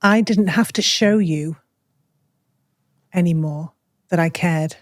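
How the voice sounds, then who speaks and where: A woman's voice: lowish voice, no room sound. Woman podcast co-host, frank and reflective, dry close sound. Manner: frank, reflective, speaks in short measured phrases. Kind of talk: candid personal conversation.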